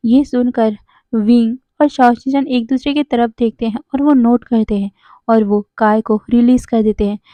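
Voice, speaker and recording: Mellow-voiced woman telling a story. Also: a little high, fairly even intonation, moderate pace, no echo, dull audio. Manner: casual conversational storytelling, self-correcting. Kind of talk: narrating a fan story.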